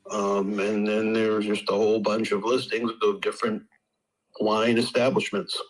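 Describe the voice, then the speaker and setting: A man pitching a name on a casual audio panel, unsure and full of fillers. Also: level tone, moderate pace, poor audio. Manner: hesitant, uncertain, many fillers. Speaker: domain seller pitching a name. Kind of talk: casual chat.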